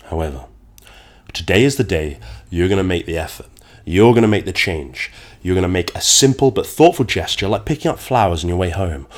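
A man with a nasal, congested voice from a cold, hosting a solo podcast in a conversational, wordy and slightly dramatic way. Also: deep voice. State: getting over a cold. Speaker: podcast host.

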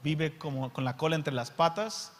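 A man from Mexico with a Mexican accent, preaching a sermon in a dramatic way that acts out the scenes, with sudden jumps in loudness. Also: on the high side, fairly even intonation, normal speed. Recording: long reverb of a large hall.

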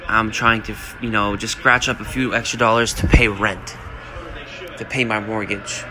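A lowish, flat voice at a normal pace belongs to a young American man hosting a podcast. He rambles through a casual motivational monologue, talking bluntly and swearing freely.

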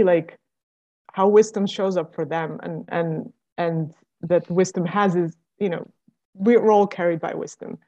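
A woman's voice: lowish voice, mellow. A woman in her forties from Estonia, talking reflectively in a casual conversation, full of fillers and restarts. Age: 40s. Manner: hesitant, many fillers and restarts. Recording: dull lo-fi sound.

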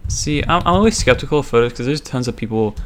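An easygoing man with a mid-pitched voice co-hosts a casual podcast. He chimes in with quick reactions and casual swearing. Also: expressive, slight background noise. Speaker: podcast co-host. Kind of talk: casual chat.

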